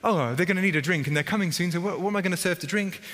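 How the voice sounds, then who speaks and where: A man voicing a flustered woman who frantically talks to herself while rushing to prepare a meal for guests. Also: high voice, a bit bright, in a large hall, pitched above the performer's own voice. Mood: frantic. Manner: frantic, exclaiming, talking to herself.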